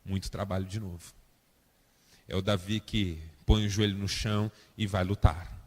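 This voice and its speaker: A man's voice: flat delivery, moderate pace, big-room sound. A man preaching a sermon as a pastor, dramatic and acting out the voices of people he quotes. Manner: dramatic, acts out quoted voices with big swings of pitch and loudness.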